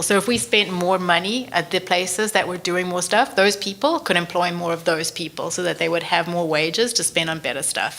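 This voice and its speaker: A woman's voice: on the low side, pushed and bright. A woman panelist answering an audience question bluntly and emphatically in a lecture room. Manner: blunt, emphatic, quick to push back.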